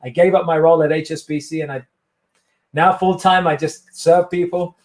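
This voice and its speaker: A man's voice: on the high side, steady tone, moderate pace. A middle-aged man, a coach giving an interview and telling his story in a rambling, enthusiastic way. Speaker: guest, coach. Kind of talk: casual interview talk.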